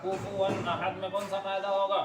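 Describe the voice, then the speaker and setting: High-voiced man teaching recitation in an echoey room. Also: monotone, far from the mic. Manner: slow, drawn-out chanted examples between firm, patient explanations. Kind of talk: tajweed lesson, modeling recitation for a pupil to repeat.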